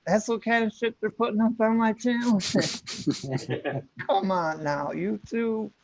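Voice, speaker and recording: A man's voice: sits high, takes it slowly. Laughing man hosting a livestream chat. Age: 30s. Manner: laughing, reads chat aloud, swears casually. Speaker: livestream host. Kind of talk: casual live chat. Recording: dull lo-fi dry sound.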